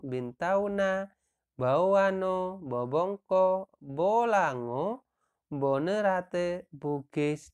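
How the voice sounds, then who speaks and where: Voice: medium pitch, smooth. A teacher narrating a primary-school lesson video, reading out long lists of names one at a time.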